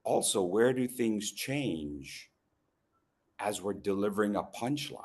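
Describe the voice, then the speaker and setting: A middle-aged man giving a humorous talk on storytelling to a live group, teasing people in the room and slowing down with pauses for emphasis. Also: fairly low pitch, animated, a little mellow, husky. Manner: playful, teasing the audience, quick asides. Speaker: educational speaker at a club meeting.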